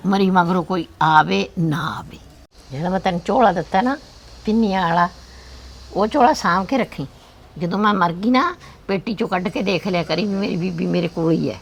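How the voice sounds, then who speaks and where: Older woman as a frail grandmother, gravelly voice, gentle and consoling, family drama. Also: lowish voice, fairly quick. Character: frail old village grandmother, loving, worried.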